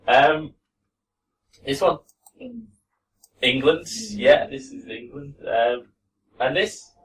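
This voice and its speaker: A man teaching a pronunciation class, relaxed and full of fillers, slowing down to demonstrate words. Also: medium pitch. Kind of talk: classroom lesson. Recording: distant mic with faint room noise.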